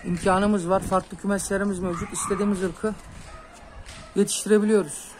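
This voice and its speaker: Filming outdoors on a rooftop with his phone, a pigeon keeper talks casually and earnestly to viewers in a high, flat voice, speaking a little fast. He offers advice in this vlog and calls his pigeons with soft hissing sounds.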